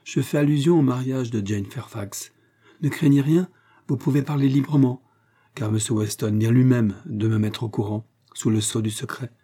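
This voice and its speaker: A man's voice: medium pitch, normal speed, dark tone, husky, natural voice. A man voicing a shy, hopeful young woman confiding her love in a read-aloud novel, speaking eagerly.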